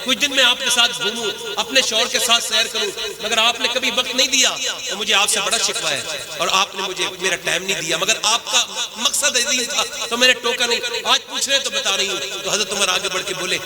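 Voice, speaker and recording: A man giving a storytelling sermon at a mosque gathering, animated, rising to shouts and acting out the voices in his stories. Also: sits high, roomy sound. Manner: animated, swings to shouts, acts out quoted voices. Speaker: religious speaker. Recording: live mosque crowd behind.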